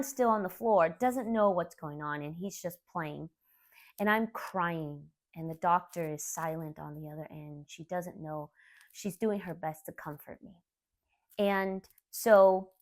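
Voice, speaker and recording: A woman in her forties from Laos, a martial arts school owner, telling a personal story in an earnest, candid, soft-spoken way. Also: lowish voice.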